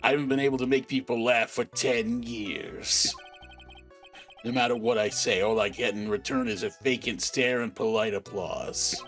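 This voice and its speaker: A man putting on a deep-voiced sad clown. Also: fairly even intonation, normal speed, fairly bright tone, faint music behind, lightly acted. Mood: glum. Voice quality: deep, mopey voice. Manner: rambling self-pitying jokes. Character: washed-up middle-aged male clown witness, sad joker.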